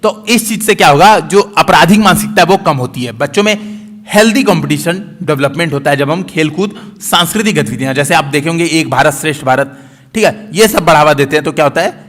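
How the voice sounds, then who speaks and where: Chatty man with a higher voice. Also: fairly bright tone. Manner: conversational, repeats "ठीक है", explains step by step. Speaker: exam coaching teacher. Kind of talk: casual Hindi classroom explanation.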